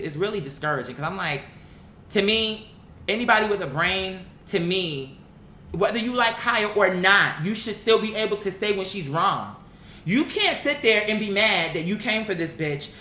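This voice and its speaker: Medium in pitch, pushed and bright, this woman gives casual online commentary that's blunt and opinionated. Exasperated and emphatic, she curses freely and argues in rhetorical questions; the recording has an echoey room and faint background noise.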